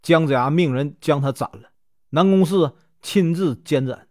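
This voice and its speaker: A man's voice: fairly high pitch, normal speed, a little mellow, no room sound, clean studio sound. A man retelling a classic legend as a storyteller, in a chatty folk style full of filler particles.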